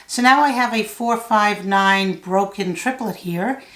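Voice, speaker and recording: A woman tutor thinks out loud as she works through a solve-along lesson. Her delivery is slow and methodical, with a medium-pitched voice. The recording has a noticeably roomy echo. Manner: thinking out loud step by step, measured. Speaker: puzzle tutor. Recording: roomy, echoey sound.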